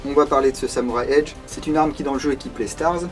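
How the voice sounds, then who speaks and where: A mid-pitched man talks through a collectible replica unboxing in a loose, conversational way. He pauses often on fillers and throws in self-deprecating asides as he goes. Soft background music runs quietly under his voice. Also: steady tone. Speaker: video host reviewing airsoft replicas. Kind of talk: casual unscripted product review.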